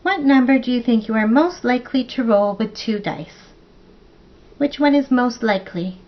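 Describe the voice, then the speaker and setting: A woman teacher reading a picture book aloud to young children in an expressive, playful way, counting along. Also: fairly high pitch, moderate pace, dull audio.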